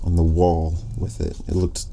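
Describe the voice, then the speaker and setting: A man giving a reflective tarot reading, musing and drifting, often pausing mid-thought. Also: sits low, monotone, creaky, warm tone, slight background noise. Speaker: tarot reader.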